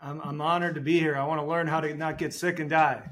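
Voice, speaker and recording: A man from Chicago, a functional medicine doctor, chatting casually as a podcast guest and telling stories in a relaxed way with small repeats. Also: a little high, quick pace, low-quality recording. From Chicago, United States. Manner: relaxed storyteller, repeats words. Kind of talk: casual interview chat.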